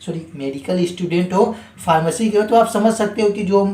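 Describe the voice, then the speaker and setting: A man's voice: high-pitched, a little mellow, echoey room, poor audio. A man teaching pharmacy in a casual spoken lesson, often stumbling over words and correcting himself. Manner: halting, frequent self-corrections and filler checks.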